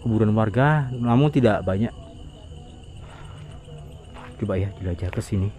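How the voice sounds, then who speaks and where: A man with an Indonesian accent doing a casual, halting exploration vlog outdoors at night, talking to his viewers in murmured asides and exclamations. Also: lowish voice, mellow. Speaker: vlogger exploring an abandoned site at night. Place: outdoors in overgrown wooded area at night. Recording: outdoor night noise, insects.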